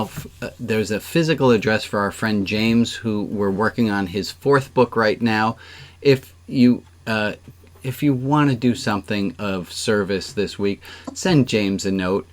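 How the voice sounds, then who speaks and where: Speaking as a rabbi hosting an online service on a video call, a man gives chatty, informal announcements to the congregation, slipping in joking asides. His voice is lowish and his pace a little slow.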